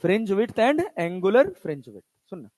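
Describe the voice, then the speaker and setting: A man's voice: sits high, sing-song, unhurried, darkish tone, dry recording. A male physics teacher giving a lecture, firing questions at his students and answering them himself, in a casual, chatty way. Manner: casual, chatty teacher talk in Hindi with English terms. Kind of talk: classroom lecture.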